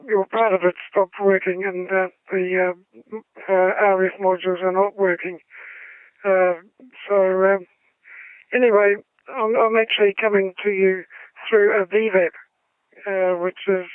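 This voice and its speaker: A man, a ham radio operator talking haltingly over a narrow AM-style radio link. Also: high-pitched, clear, resonant tone, dry recording. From New Zealand. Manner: halting, many ums, signs off with "over". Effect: heard over a narrow AM-style radio link. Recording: tinny lo-fi radio audio.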